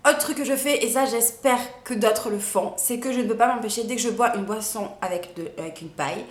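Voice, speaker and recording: Young female vlogger, casual and chatty, mid pitch, recorded in a reverberant room. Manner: chatty, many fillers and hesitations. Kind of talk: casual chat to camera. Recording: echoey room.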